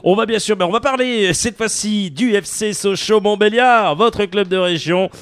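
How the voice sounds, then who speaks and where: A man's voice: sits high, normal speed, no room sound. A male radio host leading a live sports talk show in a studio, playful and exclamatory, with lots of fillers.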